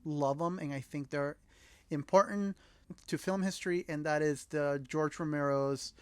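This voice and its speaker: This Salvadoran man, a native Spanish speaker and podcast co-host, discusses films casually and with earnest enthusiasm. His voice is on the high side, clear and resonant, with a steady tone, moderate pace and no room sound.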